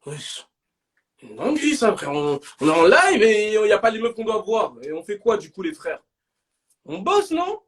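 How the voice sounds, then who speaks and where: A young man hosting a live stream in casual banter, slangy and bursting into shouts. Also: high-pitched, sing-song, moderate pace.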